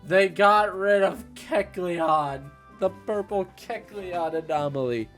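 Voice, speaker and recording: A woman's voice: on the low side, slow. A woman giving casual let's play commentary on a video game, with game music playing behind her. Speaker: gaming video host.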